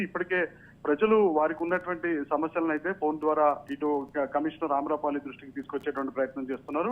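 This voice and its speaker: A man reporting live by phone like a radio show caller, in rapid run-on sentences with frequent "aa" fillers. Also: on the high side. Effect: heard over a phone line like a radio show caller. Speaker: field reporter. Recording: tinny phone line.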